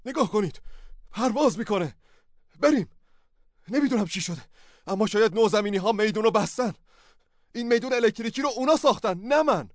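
A man voicing a frantic old male biochemist who talks breathlessly and shouts in a story reading. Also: sing-song, dry recording. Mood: excited. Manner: breathless, high-strung, shouting. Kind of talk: audio drama storytelling.

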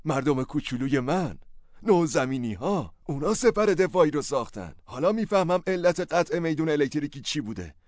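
A man's voice: animated, no room sound, clean studio sound, close to an everyday voice. A man putting on a frantic old scientist. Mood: excited. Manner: breathless, high-strung, shouting. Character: old frantic male biochemist, excitable. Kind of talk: audio drama storytelling.

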